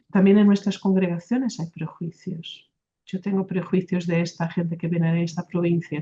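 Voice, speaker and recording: Low, steady Portuguese-accented woman. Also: highs cut off. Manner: thoughtful, often adds "¿no?" tag questions. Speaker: religious sister. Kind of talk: reflective interview answers.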